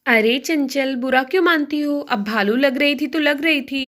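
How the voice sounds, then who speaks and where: A woman storyteller voicing a homely elder sister-in-law and mother in a doll story. Her voice sits high. She chats warmly and scolds gently. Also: normal speed. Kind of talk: doll story narration and voice acting.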